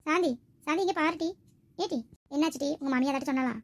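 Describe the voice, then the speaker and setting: A kind but blunt young village wife, as a woman acts her out. She talks in a lively way with a high voice at a rapid pace. It is a village comedy skit. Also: lightly acted.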